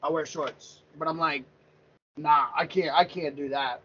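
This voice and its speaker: Man, thirties, from Pennsylvania, casual rambling sports talk, a bit high-voiced, muffled podcast sound. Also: fairly even intonation, measured pace, bright, forceful tone, slightly rough. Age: 30s. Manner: rambling, repeats words and restarts often. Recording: lo-fi dull sound.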